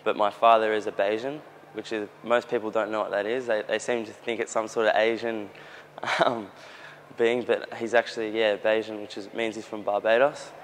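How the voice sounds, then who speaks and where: A man's voice: on the low side, little pitch movement, normal speed, a little hiss or hum. A young Australian soccer player answering interview questions in an earnest, casual way, often restarting his sentences. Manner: earnest, with frequent restarts and fillers. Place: outdoors near a gym in a built-up area.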